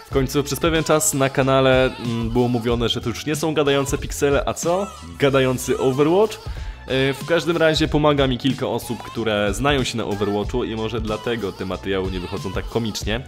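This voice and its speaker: A young adult man, a YouTuber and amateur dubbing voice actor, answers viewer questions in a casual vlog, hesitant, self-correcting, informal and occasionally swearing. His mid-range voice is brisk. He sits in a small room at home, close to a desktop condenser mic with a pop filter, with music in the background.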